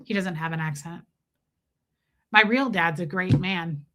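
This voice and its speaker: Against a noisy background, a woman with a fairly low pitch speaks unhurriedly. She hosts a casual livestream with a Southern accent, hailing from near Nashville, and she chats, reads comments, answers viewers by name and often starts over.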